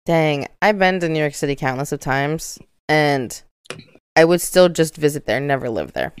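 A young woman co-hosting a casual podcast chat, animated and quick to laugh. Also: deep voice, smooth. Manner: animated, laughs often, shrieks when amused. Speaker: podcast co-host.

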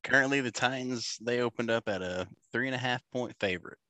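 A man's voice: medium pitch, brisk, pushed and bright, no echo. A man co-hosting a casual sports podcast, throwing in wisecracking asides. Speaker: podcast co-host.

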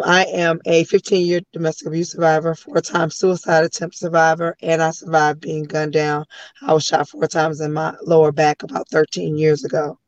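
An American woman from the Chicago area with a slightly hoarse voice, answering as a guest speaker and advocate in a conversational interview. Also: deep voice, dry recording, highs cut off. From Chicago area, United States. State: a little hoarse.

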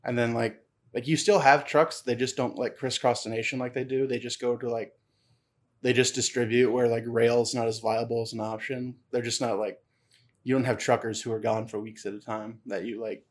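A young man co-hosting a casual podcast, relaxed and wry, with many fillers. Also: mid-range voice, moderate pace. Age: young adult. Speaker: podcast co-host. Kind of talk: casual chat.

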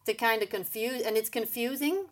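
Speaking at a normal speed in a slightly high voice, a woman from Belgium recounts personal experiences as an interview guest. English isn't her native language, and her telling is candid and relaxed, full of "like."

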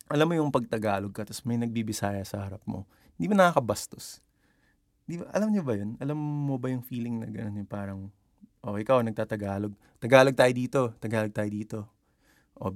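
A man's voice: lowish voice, creaky, darkish tone, no room sound, studio quality. A Filipino-accented man musing in a casual, profane, rambling podcast monologue. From Philippines. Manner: rambling, profane, switches between English and Tagalog. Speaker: podcast host.

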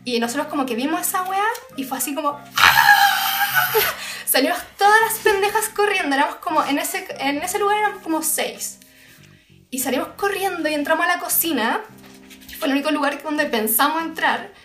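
High-voiced Chilean woman telling a scary story. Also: fairly quick, echoey room, faint music behind. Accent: Chilean Spanish. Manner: animated, slangy, acts out voices and screams.

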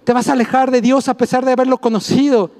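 A man, a pastor, preaching a sermon to his congregation, mixing jokey asides with repeated shouted emphasis. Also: extremely high pitch, flat delivery, fast talker.

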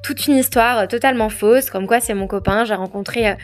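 A woman from France, her voice on the high side and a little fast, tells a candid personal anecdote to camera, hesitating as she chats. Faint music plays behind her.

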